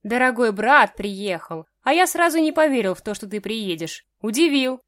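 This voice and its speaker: A woman voicing a smug two-faced man, mock-friendly, raised and loud, audiobook. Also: a little high, expressive, moderate pace, no room sound, clean studio sound, close to an everyday voice. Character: smug two-faced older brother, male boss.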